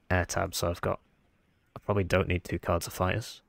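A man with a croaky, froggy voice, sounding unwell, giving casual game commentary as he thinks aloud. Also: deep voice, fairly bright tone, no echo. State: under the weather, sick voice. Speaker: gaming video host.

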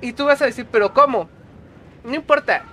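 A man with a Mexican accent reviewing a movie on a casual stream, excitable and full of slang and swearing. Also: extremely high pitch, fairly quick, slight background noise.

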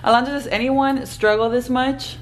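A vlogger in her twenties films herself close up on a handheld camera in a hotel room, laughing through casual, profane banter. Her high voice stays fairly even at a normal speed over a noisy crowd.

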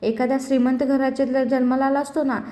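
A woman's voice: high-pitched, little pitch movement, a little fast, mellow, natural voice. A woman voicing an entitled young man who insults his parents, in a scornful, whining tone, recorded in an echoey room. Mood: resentful. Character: angry young man demanding money from parents.

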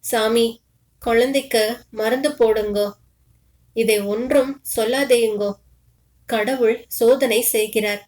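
A weary but proud beggar woman speaks in a faint, pleading voice, as a woman storyteller reads her part. The voice is high and the words come slowly. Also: darkish tone.

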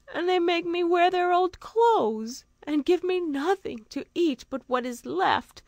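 A woman's voice: high voice, dry recording, clean studio sound, pitched above the performer's own voice, full character voice. A woman voicing a hungry, mistreated little girl who speaks in a pleading, plaintive way in a storybook reading.

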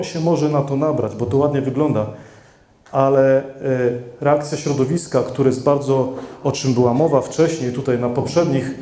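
A middle-aged man presenting at a conference, speaking into a handheld mic with plenty of fillers and self-corrections. His voice sits a little high but sounds mellow and dark. The hall gives it a roomy echo. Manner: hesitant, many fillers and restarts, addresses the audience. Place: conference hall with seated audience. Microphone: handheld microphone.

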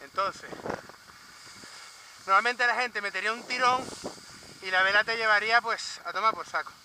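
High-pitched Spanish man teaching in the wind. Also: fairly even intonation, normal speed, sharp tone, rough recording. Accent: Spain Spanish. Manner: hands-on, explains while exerting himself, with sound effects. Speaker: paragliding instructor. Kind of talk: informal outdoor demonstration. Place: open windy hilltop outdoors.

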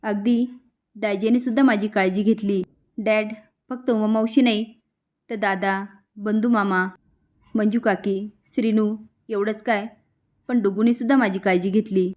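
An earnest young daughter from a soap-story retelling, pleading gently and devotedly with her father, as a woman narrator reads her lines. Middle-pitched and close to plain reading. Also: steady tone, a little slow, long pauses, close to an everyday voice.

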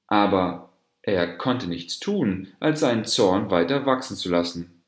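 Lively, low-voiced male fairy tale reader. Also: a little slow. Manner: expressive storytelling. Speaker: audiobook reader. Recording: roomy echo.

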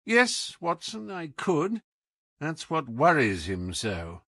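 Reading an audiobook, a man voices a brilliant, whimsical, imperious English detective, lifting his pitch fairly high above his own voice into a full character performance. His British-accented delivery is slow, theatrical, commanding and wry, with wildly swooping pitch and a fairly bright tone. The studio sound is clean, with no echo.

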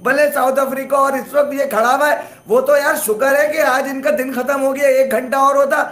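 A man's voice: extremely high pitch, steady tone, normal speed, a bit bright, echoey room. A man, a cricket pundit, talking in a mocking, joking way. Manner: mocking, rhyming jibes. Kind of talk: cricket talk show chat.

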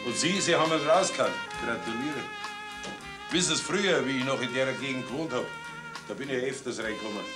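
A man's voice: mid-range voice, a little fast, loud music behind the voice, close to an everyday voice. An actor playing a nosy, affable older working man with a Bavarian accent in a 1960s German crime series. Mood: chatty.

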